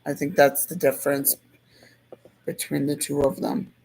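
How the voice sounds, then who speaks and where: A hoarse speaker who is losing their voice, giving a casual, slow and thoughtful civics explanation that circles back over its points. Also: medium pitch, little pitch movement, a little mellow, poor audio.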